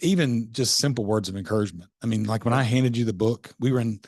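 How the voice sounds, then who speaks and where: A man hosting a podcast in casual interview conversation, reflective and halting, often restarting his sentences. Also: medium pitch, darkish tone, no echo, clean studio sound. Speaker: podcast host.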